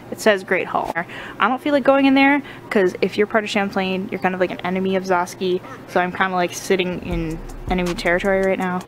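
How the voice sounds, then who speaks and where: A woman's voice: medium pitch, a little hiss or hum. A young adult woman giving a chatty, informal walking tour of a campus as a vlogger, recorded outdoors. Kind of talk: casual walking vlog chat.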